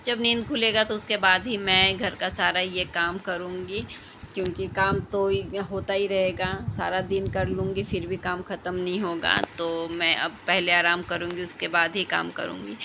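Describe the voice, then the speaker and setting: A woman with a hoarse, tired voice, calmly explaining her day in a home vlog with frequent pauses. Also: mid-range voice, noisy background. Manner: calm, explanatory, with pauses and fillers. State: hoarse throat. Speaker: vlogger mother. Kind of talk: casual home vlog narration.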